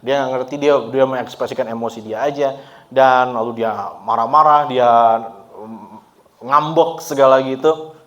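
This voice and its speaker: A man preaching a sermon at a church service in a relaxed, chatty way, often laughing and mixing in English words. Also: mid-range voice, moderate pace, dull audio. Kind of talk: conversational sermon.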